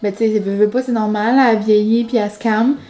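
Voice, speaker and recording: A woman's voice: medium pitch, steady tone, quick pace, dark tone. A woman talking casually to her vlog camera at home, rambling and chatty with lots of fillers. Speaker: vlogger. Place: home, indoors.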